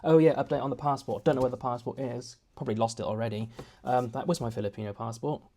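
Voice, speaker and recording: Speaking quickly in a steady, dark, medium-pitched voice, a young man from the UK vlogs casually at home indoors. He rambles, downplays himself, and restarts many times.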